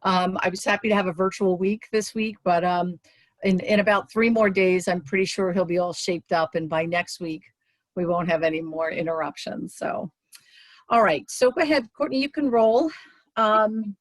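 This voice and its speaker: Lady presenting on a zoom call, lowish voice, lots of um and right, dry sound. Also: dry recording. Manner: chatty, tags points with "right?" and fills with "um". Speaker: presenter at a community meeting. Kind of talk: conversational virtual presentation. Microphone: video call.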